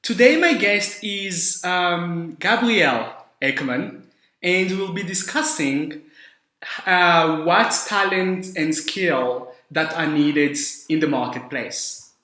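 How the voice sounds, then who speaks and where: Bright-voiced young podcast host, echoey. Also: male voice, fairly high pitch, animated, takes it slowly. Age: young adult. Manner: hesitant, repeats words, many fillers. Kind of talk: podcast interview. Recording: echoey room.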